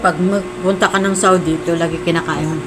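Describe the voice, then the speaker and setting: A woman's voice: fairly low pitch, fairly even intonation, fairly quick, over music. A Filipino woman hosting a casual food vlog, chatting as she eats and humming over bites. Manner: talks while eating, with savoring hums. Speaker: mukbang host. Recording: noisy room with clattering dishes.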